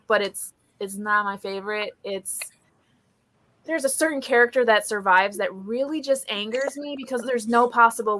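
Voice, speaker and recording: A woman in her thirties with a sharp, medium-pitched voice hosts a casual book readalong live stream over a video call. She chats enthusiastically and informally.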